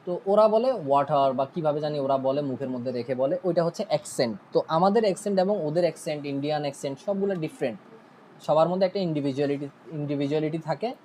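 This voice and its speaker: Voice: medium pitch, fast, mellow, a little hiss or hum, low-quality recording. An IELTS teacher from Bangladesh with a Bangladeshi Bengali accent, giving a casual online lesson in a chatty way, often checking in with listeners, stopping to correct itself and mixing English terms into the explanations.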